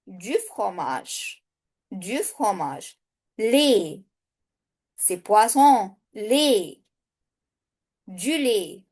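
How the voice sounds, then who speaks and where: A woman teacher giving a grammar revision lesson, spelling out letters and saying each word and answer twice. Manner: drops low when stating the answer.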